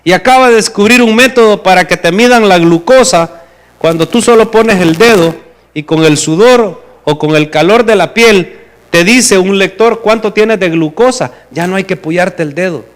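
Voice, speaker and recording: A man from El Salvador with a Salvadoran accent, preaching a sermon emphatically and asking the congregation rhetorical questions. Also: high voice. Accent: Salvadoran Spanish.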